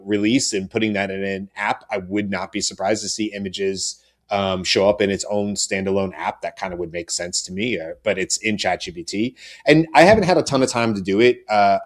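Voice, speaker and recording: A middle-aged man co-hosting a panel show, chatting casually with many fillers and restarts. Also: lowish voice. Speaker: co-host.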